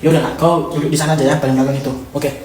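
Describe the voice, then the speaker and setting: Man, high voice, fast talker, rowdy comedy skit banter, echoey room with faint noise. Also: flat delivery, darkish tone. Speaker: comedic sketch performer.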